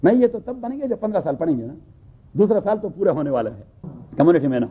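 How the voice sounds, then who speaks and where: Husky high-voiced man teaching scripture. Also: big pitch swings. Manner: storytelling, repeats phrases for emphasis, recites Arabic slowly. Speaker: Quran teacher. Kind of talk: Urdu Quran commentary class. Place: mosque or community hall class. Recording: tinny phone-like recording.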